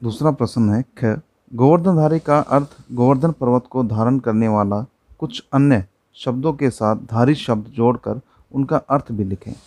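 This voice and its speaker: A man's voice: medium pitch, moderate pace, dark tone, dry recording. A man teaching a primary-school Hindi lesson, patiently explaining words with examples.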